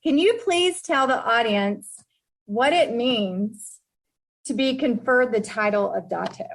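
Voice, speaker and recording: A woman's voice: a little high, animated, slow, low-quality recording. A woman with a Tennessee accent hosting an interview podcast, reading introductions and putting questions to her guest. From Tennessee, United States. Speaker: podcast host.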